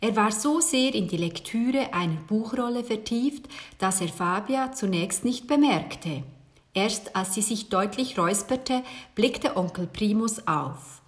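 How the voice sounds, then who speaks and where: Woman narrator, children's audiobook, slow, measured. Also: mid-range voice, lively intonation.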